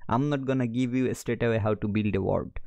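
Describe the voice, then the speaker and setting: A man's voice: medium pitch, a little fast, vocal fry, a little mellow, dry recording. A man from Bangladesh, speaking with a Bangladeshi accent, gives a screen-share trading lesson in a direct style, often checking in with "okay". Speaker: trading educator.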